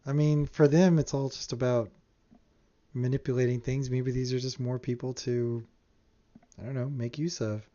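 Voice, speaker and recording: A man's voice: medium pitch, fairly even intonation, moderate pace, dark tone. A man playing a tabletop game, talking in a thoughtful, hedging way. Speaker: player. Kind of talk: casual tabletop play. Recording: dull lo-fi sound.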